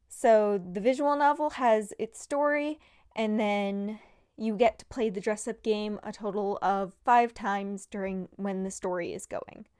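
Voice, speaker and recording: A young woman talks through her hobby game project in an unhurried, rambling way, full of fillers and self-deprecating asides. Her voice has a smooth, clear tone with a valley girl lilt. The recording is dry and close, with no room sound. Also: medium pitch, a little mellow, no room sound. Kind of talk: casual devlog narration.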